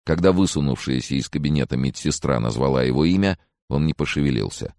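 Very deep, gravelly male narrator. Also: fast, darkish tone, no room sound, studio quality. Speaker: audiobook narrator. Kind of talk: first-person audiobook narration.

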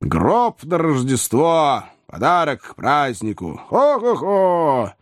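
A man voicing a gloomy gravedigger who mockingly half-sings his lines slowly in an audiobook reading. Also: medium pitch, very animated, slightly rough, voice pushed up, exaggerated voice. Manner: mocking, slow, half-sung. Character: grim, gloomy male gravedigger, middle-aged.

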